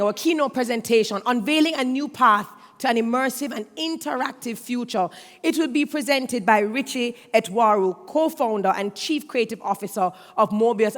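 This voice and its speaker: Female conference host, announcing manner, fairly high voice, long hall reverb. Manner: announcing, builds to an excited intro. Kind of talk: stage introduction. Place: conference stage in a large hall.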